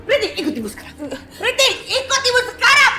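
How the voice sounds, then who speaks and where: High bright mocking mom from a tv drama, keeps accusing, echoey room with faint music. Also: female voice, big pitch swings, fast talker, full character voice. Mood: pleading. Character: scornful scheming Indian mother, middle-aged woman. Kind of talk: dubbed TV drama.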